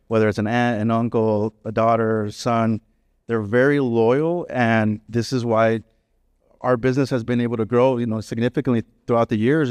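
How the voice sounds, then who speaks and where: A young man speaking on a panel in an earnest, conversational way, often filling pauses with "you know" and "like". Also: medium pitch, a little mellow, no room sound, clean studio sound. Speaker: real estate agent on a panel. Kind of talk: panel discussion.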